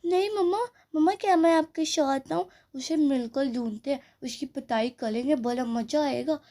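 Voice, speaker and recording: A woman's voice: sits high, normal speed, mellow. A woman voicing a young girl doll who loves candy, talking in a childish way with munching sounds, in a doll play story. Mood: eager.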